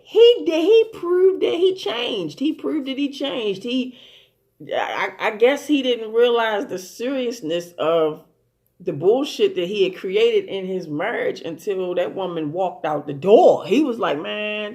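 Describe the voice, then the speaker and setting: A woman talks through a TV episode in a loose, rambling way, full of "um"s, "you know"s and restarts. She is blunt and openly amused, and she swears freely. Her voice sits at an ordinary pitch. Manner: rambling and profane, with many fillers and restarts. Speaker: TV show commentator. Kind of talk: casual recap commentary.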